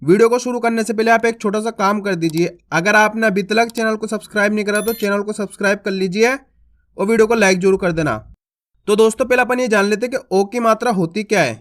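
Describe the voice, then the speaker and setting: A man teaching reading, sounding out syllables slowly and asking and answering his own questions. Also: high-pitched, fairly bright tone. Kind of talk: teaching children to read.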